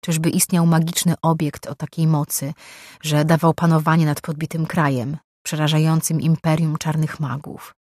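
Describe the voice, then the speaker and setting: A woman reading a fantasy audiobook in a calm, measured way. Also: low voice, no room sound, clean studio sound. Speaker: audiobook narrator. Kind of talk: scripted audiobook narration.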